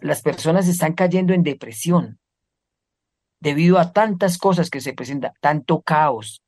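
A man gives an earnest spiritual talk as a guest, asking rhetorical questions and listing words one by one. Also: fairly high pitch. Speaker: guest speaker.

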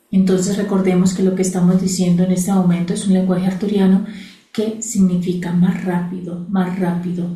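A woman leads a guided meditation, repeating her phrases slowly and soothingly. Her voice is mellow and warm. The sound carries the echo of a roomy space. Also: fairly low pitch. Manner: slow, repetitive, soothing phrasing. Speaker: spiritual teacher.

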